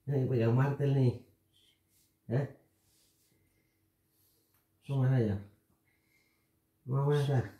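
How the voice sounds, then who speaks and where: A man's voice: medium pitch, steady tone, slow, long pauses, warm tone, echoey room, recorded from a distance. A man filming his family, teasing his wife in casual, playful banter and pressing her with questions. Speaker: father filming a family vlog.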